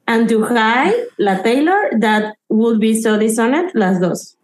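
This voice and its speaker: Podcast co-host: Mexican woman, higher-pitched voice, casual and slangy, Spanish mixed with English. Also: expressive, takes it slowly, low-quality recording. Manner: Spanglish, mixing English words into Spanish. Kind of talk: casual chat about song lyrics.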